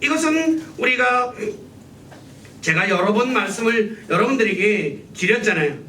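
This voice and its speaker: A man's voice: animated, moderate pace, sharp tone. A man preaching a sermon as pastor, asking the congregation questions and answering them himself. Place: church sanctuary. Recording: echoey church room, mic at a distance, faint rumble.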